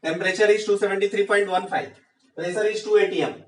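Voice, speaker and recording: A man giving an exam-prep chemistry lecture. He keeps asking rhetorical questions and urges the students to answer quickly. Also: high voice, steady tone, roomy sound, distant mic, low-quality recording. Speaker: chemistry teacher.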